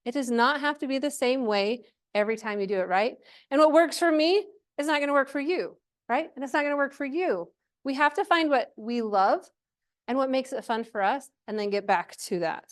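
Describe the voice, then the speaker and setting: Speaking briskly in a high voice, a woman runs a casual workshop for a group in the room. She stays friendly and supportive, regularly asking questions to check in.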